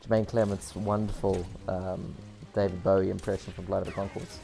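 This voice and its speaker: A man's voice: deep voice, level tone, brisk, creaky, mellow, soft background music. Rambling joking New man. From New Zealand. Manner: rambling, joking, self-correcting. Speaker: game streamer. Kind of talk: casual live gameplay stream.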